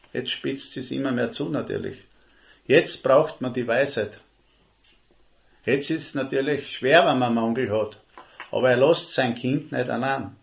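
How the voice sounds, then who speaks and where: A man preaching a sermon, earnest and emphatic, slowing down to stress key words. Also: medium pitch, gravelly. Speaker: lay preacher. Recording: dull lo-fi recording.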